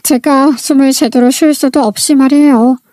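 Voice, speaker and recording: Woman narrator, high voice, dark mellow tone, first-person story reading, steady and earnest. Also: normal speed, no echo, studio quality. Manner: steady, earnest confessional telling.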